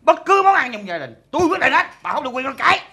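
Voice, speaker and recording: A performer playing a loud, quarrelsome young husband in a sitcom. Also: high voice, very animated, very fast, gravelly, full character voice. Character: bickering young husband and son. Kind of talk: sitcom acting.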